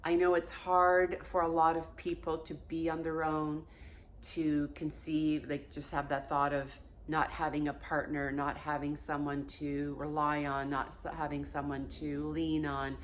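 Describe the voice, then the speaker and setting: This vlogger, a woman in her fifties born in Portugal, speaks from home in a deep voice with little pitch movement and a measured pace, with a little hiss or hum present. Her candid monologue is frank and emphatic, laced with casual swearing.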